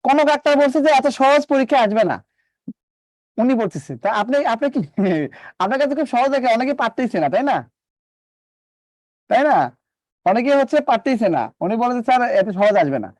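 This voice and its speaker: A man's voice: very high-pitched, expressive, fairly quick, pauses often, a little mellow, no room sound, clean studio sound. A man teaching a live online math lesson, repeating questions to his students and drilling them step by step.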